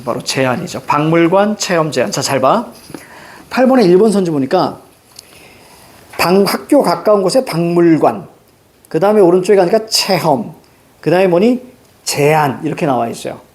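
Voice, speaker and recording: A man's voice: sits high, darkish tone. A middle-aged male teacher lecturing in a classroom, walking students through exam questions and prompting them with tag questions. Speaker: Korean language teacher. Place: classroom with a blackboard.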